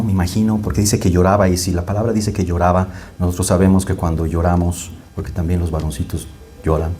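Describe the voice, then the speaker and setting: Male pastor, deep and mellow, chatty sermon, faint hiss behind. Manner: conversational, often asks "¿no?" to the congregation; restarts and repeats words while thinking aloud.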